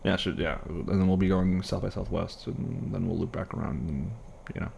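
A man playing an easygoing airline pilot, chatting casually and haltingly with a colleague in a one-sided role-play. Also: deep voice, creaky, darkish tone, lo-fi sound, slight background noise. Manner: casual, halting, reassuring co-worker chat.

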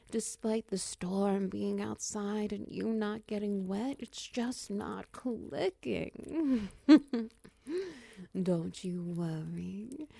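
Woman doing an intimate audio roleplay, real slow and soft, gravelly low voice, dry close sound. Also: dry recording. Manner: slow, soft and teasing, dipping into whispers.

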